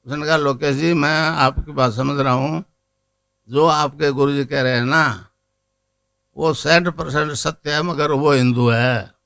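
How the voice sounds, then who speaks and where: A man's voice: on the high side, vocal fry, bright, forceful tone. An older man, a guru, giving a rambling spiritual discourse to a gathering and chanting a mantra. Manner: digressive, teaching, chants a mantra.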